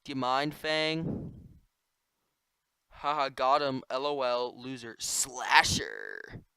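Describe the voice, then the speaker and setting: Young man, goofy gameplay commentary, bright and crisp, dry desk mic. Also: medium pitch, takes it slowly, no echo, rough recording. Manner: goofy, excitable, prone to sudden yelling. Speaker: gamer.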